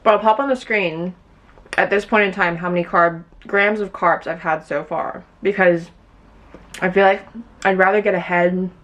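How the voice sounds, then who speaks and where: A woman's voice: fairly low pitch, moderate pace, a bit bright. A young woman chatting casually in a vlog, upbeat and full of "like". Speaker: vlogger. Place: home kitchen.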